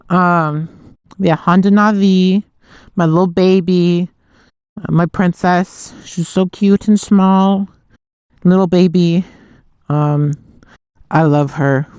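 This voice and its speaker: A young adult voice with a smooth, clear tone and middling pitch, rambling casually through a motorcycle vlog. The speaker talks from inside a helmet, so the sound is close and a bit muffled. The delivery wanders and self-interrupts, with some mild swearing. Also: darkish tone, no echo. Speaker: motorcycle vlogger. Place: inside a helmet, outdoors at night.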